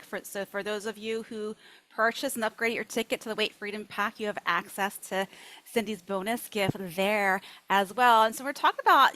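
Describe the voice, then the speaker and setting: A middle-aged woman hosting an interview in a casual way, chatty and upbeat and quick to laugh. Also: medium pitch, fairly bright tone, rough recording. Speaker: host and dietless dieting coach.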